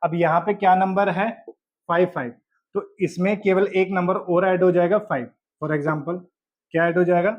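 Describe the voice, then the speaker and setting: A man with a high voice teaches a school math lesson. He works through each example step by step and keeps checking that the class is following. The audio sounds dull and lo-fi. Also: steady tone, moderate pace. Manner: explains step by step, checks in with "ठीक है". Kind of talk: board-exam math lesson.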